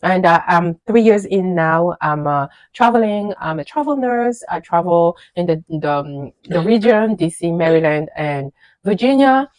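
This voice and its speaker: A French-speaking woman in her thirties, now a registered nurse who immigrated to the USA, tells her story to camera in a casual vlog. She's animated and emphatic, filling her speech with fillers and repeated words. Her voice is lowish and measured, with no room sound.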